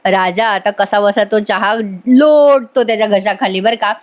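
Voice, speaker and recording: A woman's voice: medium pitch, normal speed. A woman narrating a voice-over recap of a TV episode, chatting directly to her viewers. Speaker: serial reviewer.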